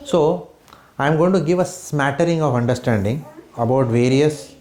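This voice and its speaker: A man's voice: a little high, normal speed, a little mellow, roomy sound. A man from Bombay with an Indian accent, teaching a devotional home class and often asking the listeners "hmm?" and "right?". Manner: keeps checking in with "hmm?" and "right?", quizzes listeners with questions. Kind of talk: spiritual class talk mixing English and Hindi. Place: room in a home.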